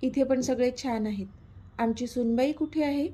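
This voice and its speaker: A woman voicing a friendly older mother-in-law on a phone call, soft-spoken. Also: sits high, normal speed, slightly rough.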